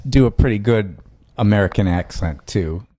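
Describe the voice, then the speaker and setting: A man's voice: lowish voice, moderate pace, mellow. A male co-host on a casual podcast who mostly chimes in. His turns are short, and he uses them to ask the guest questions. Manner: brief, questioning interjections.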